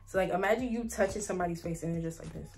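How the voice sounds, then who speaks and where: A woman's voice: fairly low pitch, racing, darkish tone, faint music behind. Chatty young woman telling a story. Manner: chatty, rambling, heavy "like" fillers, addresses viewers as y'all. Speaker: vlogger. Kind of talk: casual storytime.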